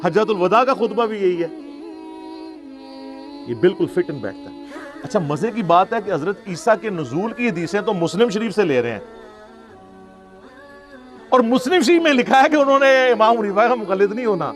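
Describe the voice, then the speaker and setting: With a high-pitched, slightly bright voice, this Pakistani man, a preacher and lecturer on Islam, talks casually about religion, needling listeners with sarcastic rhetorical questions over background music.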